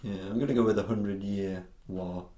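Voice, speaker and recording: A man's voice: lowish voice, moderate pace, mellow, reverberant. A man co-hosting a podcast in casual chat, agreeable and a little hesitant. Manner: hesitant, agreeable, lots of "yeah". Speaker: podcast co-host.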